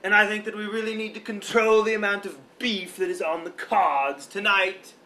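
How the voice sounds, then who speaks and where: A man's voice: high voice, steady tone, moderate pace, sharp tone. A man playing an irritable, haughty duke who complains his way through a period comedy sketch. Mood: irritated.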